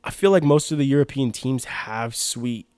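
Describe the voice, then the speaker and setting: A man's voice: medium pitch, normal speed, darkish tone, smooth, no echo. A young man co-hosting a podcast, chatting casually about sports uniforms, eager, with many "like" fillers and restarts. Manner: enthusiastic, lots of "like" fillers and restarts. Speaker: podcast co-host.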